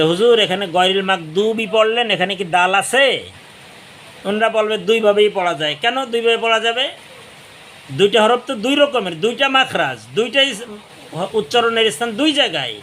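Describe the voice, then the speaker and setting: A man teaching Quran reading, spelling letters slowly, then explaining in quick bursts, sometimes chanting verses melodically. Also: a little high, sharp tone, a little hiss or hum.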